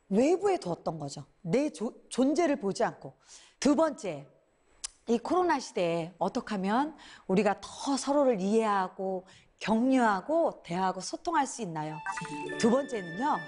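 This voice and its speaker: A woman's voice: a little high, a little mellow, breathy edge. A middle-aged woman giving an inspirational talk to a studio audience, telling stories and acting out her own past complaints. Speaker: lecturer.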